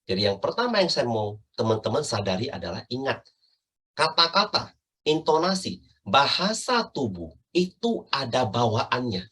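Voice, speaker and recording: Guy teaching sales online, husky voice, super lively up and down, keeps asking the group. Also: mid-range voice, normal speed. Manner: animated, keeps checking in with listeners. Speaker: sales trainer. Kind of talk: online sales training talk.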